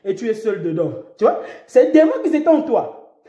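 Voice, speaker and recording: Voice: mid-range voice, very animated, fairly quick, dark tone, echoey room. A preacher delivering an impassioned sermon, repeating phrases and breaking into dramatic cries.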